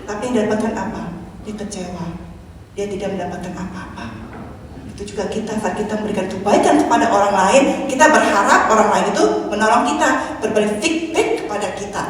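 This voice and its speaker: A young woman evangelist with an Indonesian accent preaching a sermon, lively, swinging between loud and soft and acting out quoted voices. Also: medium pitch, normal speed, a little hiss or hum. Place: large church hall. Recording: echoey hall from far off.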